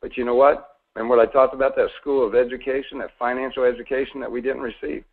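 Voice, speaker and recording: A folksy man gives a live money seminar, stopping often to quiz his audience and slipping in a bit of sarcasm. His voice is somewhat husky. It comes through a thin, phone-like line. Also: mid-range voice, flat delivery, fast. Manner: folksy, asks the audience questions, mildly sarcastic. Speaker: financial seminar presenter.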